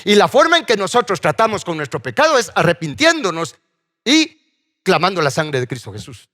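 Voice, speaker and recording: A man's voice: sits high, sing-song, a little fast, pushed and bright. A man preaching a sermon as pastor, asking his congregation questions as he goes. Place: church sanctuary. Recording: church hall reverb.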